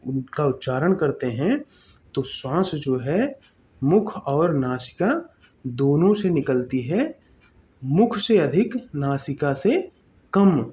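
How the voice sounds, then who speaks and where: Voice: mid-range voice, mellow. A teacher giving an exam-prep lesson, repeating each term and asking the class rhetorical questions, checking in often with "okay?".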